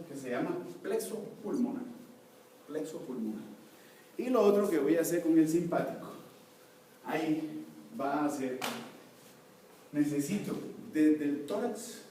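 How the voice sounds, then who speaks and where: Guy teaching anatomy class, mellow voice, heard from across a big echoey room. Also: a little high. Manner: explains step by step, asks the class to confirm. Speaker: anatomy lecturer. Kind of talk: university lecture. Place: lecture hall. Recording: echoey hall from far off, faint noise.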